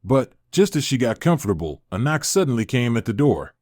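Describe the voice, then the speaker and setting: A man reading a story aloud as scripted narration, in an even, measured way. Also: mid-range voice, no echo, clean studio sound.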